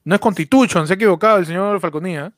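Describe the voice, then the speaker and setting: A man's voice: high voice, very fast, a bit bright, dry recording, clean studio sound. A young Peruvian man co-hosting a comedy podcast, joking in mock-formal turns with goofy bits of English. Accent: Peruvian Spanish. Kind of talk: comic banter.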